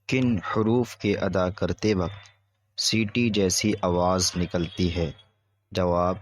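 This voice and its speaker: A man teaching a Quran reading lesson, slowly stretching out each letter name and pausing between them. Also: sits low, no echo. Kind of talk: recorded lesson with questions and answers.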